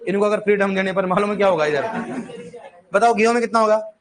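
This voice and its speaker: High-voiced man quizzing a class. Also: fast, crowd noise. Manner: quizzing students with repeated questions, teasing. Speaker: agriculture teacher. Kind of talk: classroom lecture.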